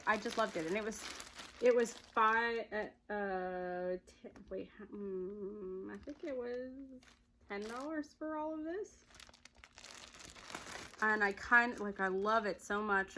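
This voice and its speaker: On a rough recording with a little hiss or hum, a yarn vlogger chats casually in a Southern accent. Her mid-range voice has a sharp tone, and she laughs a lot as she rambles along happily.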